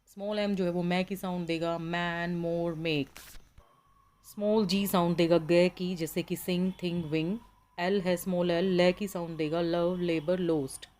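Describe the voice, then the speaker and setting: Lower-pitched woman teaching phonetics slowly. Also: fairly even intonation, a little mellow. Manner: slow, deliberate listing of example words. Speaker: English teacher. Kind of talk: classroom lesson on phonetics.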